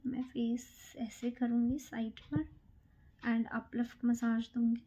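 A woman beautician calmly explaining a facial massage step by step in a salon, counting strokes aloud as she works. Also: on the high side, slow, slightly rough. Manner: calm, counts strokes aloud while working. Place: salon treatment room.

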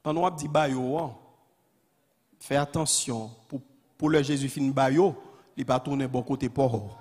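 A man's voice: medium pitch, fairly even intonation, measured pace, darkish tone, breathy edge. A man preaching a fiery sermon as a pastor, repeating his calls in a rising, insistent cadence. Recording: long hall reverb.

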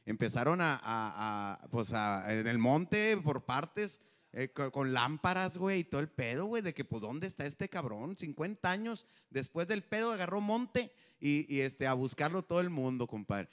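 A man's voice: a little high, expressive, moderate pace, fairly bright tone. A man hosting a live comedy show, telling crude slang-filled stories and acting out the characters. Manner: crude slang-heavy storytelling, acts out characters. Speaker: comedian host. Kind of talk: live stand-up storytelling.

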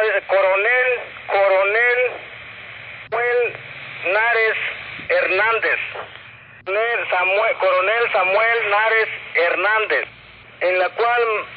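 A man giving a slow, formal police report over a two-way radio, repeating names and numbers. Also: sits high. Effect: two-way radio transmission. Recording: muffled radio with static.

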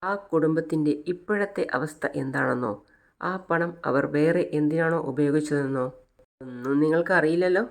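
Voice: mid-range voice, normal speed, close to an everyday voice. A storyteller voicing a stern wealthy woman who coldly lectures a bank manager, in a retold television serial. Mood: scornful.

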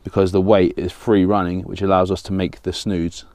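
A deep, darkish voice with little pitch movement, at a normal speed, belongs to a fishing-channel host from southern England in his thirties. Working with his hands in a small banner-backed indoor studio, he explains how to tie a rig step by step in a straightforward, practical manner.

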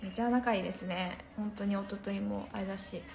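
A woman's voice: medium pitch, steady tone, fairly quick, creaky, a little mellow, echoey room, a little hiss or hum. A young woman hosting a phone live stream, chatting casually with viewers, reading out their comments and laughing often. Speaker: Instagram live host.

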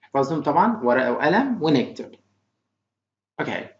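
A man with an Egyptian Arabic accent teaching an English lesson, stretching words out slowly for the class to repeat. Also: a little high, big pitch swings. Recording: roomy, dull lo-fi recording.

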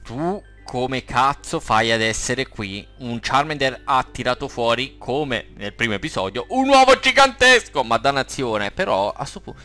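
A man with an Italian accent doing let's play commentary, excitable, swearing and yelling at the game. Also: mid-range voice, unhurried, few pauses, soft background music. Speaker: gameplay commentator.

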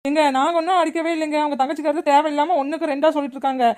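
A woman's voice: high-pitched, steady tone, racing, a little mellow, close to an everyday voice. A woman voicing a grown daughter-in-law and mother who defends herself and pleads her case in a family quarrel. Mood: defensive.

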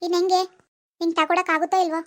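A woman's voice: very high voice, flat delivery, rapid-fire. A woman voicing a demanding, proud young village woman in a cartoon, scolding and sarcastic as she talks to her boyfriend. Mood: angry. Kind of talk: cartoon dialogue voice acting.

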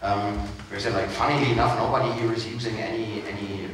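A man in his forties talks in a relaxed, animated way from a conference stage. His voice comes from well back in a big, echoing hall. A steady noise sits under the speech. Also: on the low side, quick pace. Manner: animated, gesturing, relaxed and chatty. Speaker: conference speaker. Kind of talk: panel talk answering questions. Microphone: headset mic. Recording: echoey hall from far off, noisy.

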